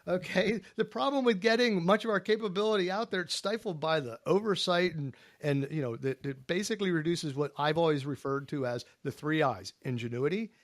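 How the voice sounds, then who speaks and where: Man, panel podcast, emphatic, folksy, higher-pitched, dry close sound. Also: fairly quick, hardly any pauses, no echo. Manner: emphatic, folksy, rhetorical questions. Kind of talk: casual panel discussion.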